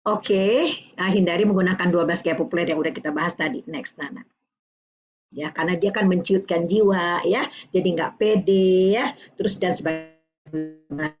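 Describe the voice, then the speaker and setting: An older woman from Indonesia giving a lively parenting talk, acting out dialogues between a parent and a child. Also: fairly low pitch, normal speed, dull audio. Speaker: parenting speaker.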